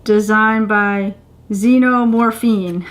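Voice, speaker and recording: Speaking very slowly in a steady, medium-pitched voice, a middle-aged woman chats to the camera while unboxing a subscription box. She's indoors on her living room couch, dropping gushing exclamations among plainer remarks.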